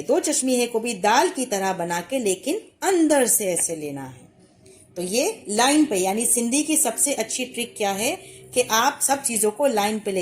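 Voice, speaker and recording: A woman's voice: on the high side, a little mellow. Patient woman teaching letters step by step. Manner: patient, clear explaining and letter-by-letter reciting. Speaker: language teacher. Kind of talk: step-by-step handwriting lesson.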